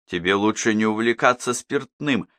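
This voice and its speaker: A man's voice: fairly low pitch, normal speed, bright, forceful tone, no room sound, clean studio sound. A man voicing a stern, commanding old mother who rules the family table.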